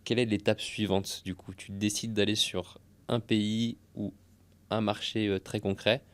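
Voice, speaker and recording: A man's voice: fairly low pitch, flat delivery, a little slow, fairly bright tone. A male podcast host summarizing his guest's points in a hesitant, conversational way. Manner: summarizing, hesitant, many fillers.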